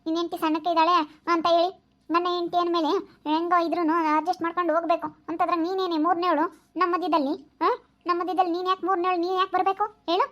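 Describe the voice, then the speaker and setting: A woman's voice: extremely high pitch, level tone, racing, a bit bright, lo-fi sound, slight background noise. A woman playing a jealous village wife who scolds and threatens in a skit. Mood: scolding. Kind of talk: skit acting.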